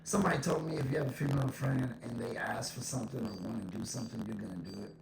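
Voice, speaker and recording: His voice is fast, gravelly and medium in pitch as this man shares his opinions in a relaxed, conversational monologue, hammering points home through repetition. The recording echoes and carries faint noise.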